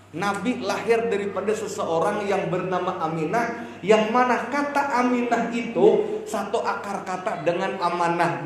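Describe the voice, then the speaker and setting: A man with a Banjar accent giving a religious lecture, lively and joking with his audience, which he addresses as "Bu". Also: sits high. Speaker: preacher. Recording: echoey hall with faint noise.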